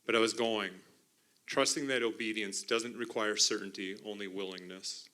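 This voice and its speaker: A middle-aged man speaking from the front of a church, earnest and a little halting as he reads his testimony from notes. His voice sits low but rings bright and forward. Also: steady tone. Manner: earnest, halting, with fillers and restarts. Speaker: mission trip team member sharing testimony. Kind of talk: emotional church testimony, partly read from notes. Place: church sanctuary.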